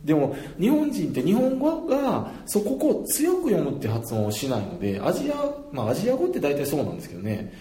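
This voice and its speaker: Animated Kansai-accented man. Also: fairly high pitch, fast, hardly any pauses. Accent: Kansai Japanese. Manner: emphatic, animated, laughs often. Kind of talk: casual explanatory talk. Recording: roomy echo.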